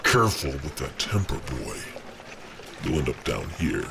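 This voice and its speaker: An actor playing a mocking, menacing Satan, lord of the underworld, with taunting theatrical delivery in an audio drama. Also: male voice, extremely low pitch, sing-song, normal speed, vocal fry, pushed and bright, a little hiss or hum, full character voice.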